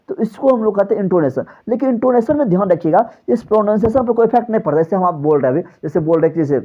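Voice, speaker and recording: Man teaching in a lo-fi lecture. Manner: repetitive, asks and answers his own questions; drops pitch on closing phrases. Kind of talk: exam-prep lecture. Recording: slightly dull, lo-fi recording.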